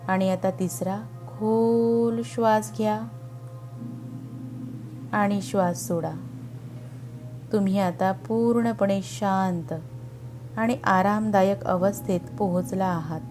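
A woman narrating a guided meditation in a calm, soothing, unhurried way with long pauses, over background music. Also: mid-range voice.

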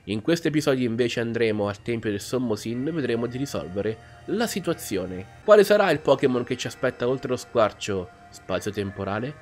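A man's voice: mid-range voice, expressive, a little fast, hardly any pauses, a little mellow. A man hosting a gaming video with casual commentary as he plays. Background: game music.

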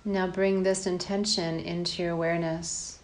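A woman with a lowish voice guides a meditation as its teacher, offering calm, measured instructions in short phrases separated by pauses.

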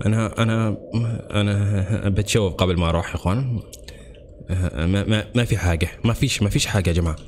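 A man hosting a horror game playthrough, jumpy and excitable with nervous outbursts. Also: fairly low pitch, fast talker, noisy background. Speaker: gaming channel host.

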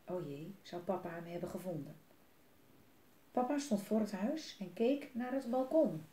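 A woman reading a children's book aloud in a gentle, expressive way, adding asides for young listeners. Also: medium pitch, normal speed. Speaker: storyteller. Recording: roomy echo.

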